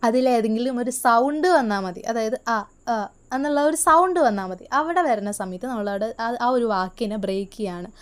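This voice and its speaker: Lady teacher, higher voice, smooth clear tone, keeps asking then answering her own questions. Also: lively intonation. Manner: asks questions and answers them herself; reads English lines slowly. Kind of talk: exam-prep lesson mixing Malayalam and English.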